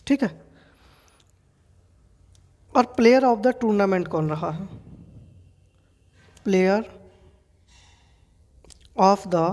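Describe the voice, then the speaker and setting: Speaking at medium pitch with a slightly mellow quality, an Indian-accented woman leads an exam quiz lesson, repeating key facts in a didactic way and putting questions to her students. The audio carries a long, reverberant echo like a hall.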